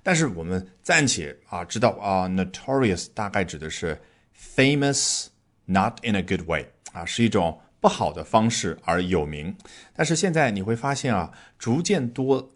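A man teaching English vocabulary in a relaxed, chatty podcast lesson. His fairly low voice swings widely in pitch as he explains, often pausing on drawn-out fillers and asking his listeners rhetorical questions.

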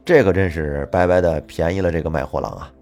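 A man telling a folk tale in a lively, colloquial manner with plenty of fillers. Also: low-pitched, quick pace. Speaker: storyteller. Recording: faint music behind.

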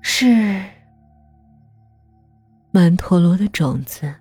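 A woman voicing a calm, sinister middle-aged mother who speaks in an even, half-whispered tone. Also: on the low side, extremely slow, husky, no echo, soft background music, heavily acted. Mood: cold calm.

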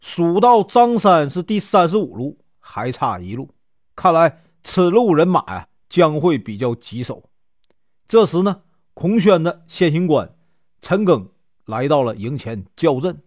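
Chatty male storyteller, lively voice. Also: on the high side, no room sound, studio quality. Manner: chatty, lots of drawn-out filler particles. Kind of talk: casual storytelling of a classic legend.

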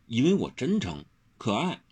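A man's voice: medium pitch, huge pitch swings, normal speed, husky, voice pushed up, full character voice. A man voicing a flustered, earnest young swordsman who stammers and repeats himself. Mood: grumbling.

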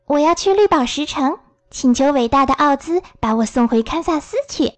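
A woman's voice: sits high, animated, normal speed, no echo, voice pushed up. A woman reading a storybook aloud and voicing a polite, brave little girl. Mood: eager. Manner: polite, bright and eager.

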